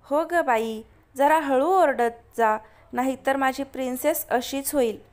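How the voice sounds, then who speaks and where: A woman's voice: high-pitched, takes it slowly. A woman voicing a playful, teasing young husband in a spoken story. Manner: gentle, teasing.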